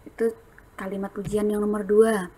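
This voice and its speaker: A woman's voice: mid-range voice, level tone, moderate pace, dark tone, breathy edge. A woman primary school teacher from Indonesia giving a recorded lesson to young children, explaining patiently and drawing out her words.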